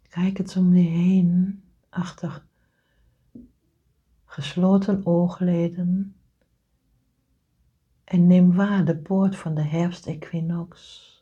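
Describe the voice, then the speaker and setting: A woman leads a guided meditation in a low, mellow, breathy voice. She speaks very slowly and gently, often sinking into a soft whisper. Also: little pitch movement, dull audio. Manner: slow soothing delivery, often whispered.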